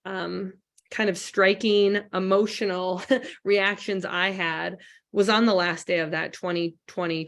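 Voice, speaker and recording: A woman's voice: lowish voice, gravelly. A woman teacher speaking earnestly and reflectively at a conference, with frequent restarts. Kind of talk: conference talk. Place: conference hall.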